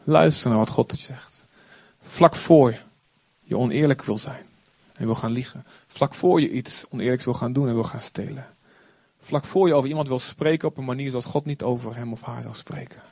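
Guy preaching a sermon, gets loud when he acts stuff out, dry close sound. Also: mid-range voice, brisk, gravelly, no echo. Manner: animated preaching, acts out quotes loudly. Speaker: pastor.

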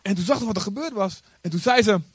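A man who is a pastor, telling a story in a calm, earnest way and acting out the voices of the people he quotes. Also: high-pitched, very fast, breathy edge. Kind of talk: sermon-style storytelling.

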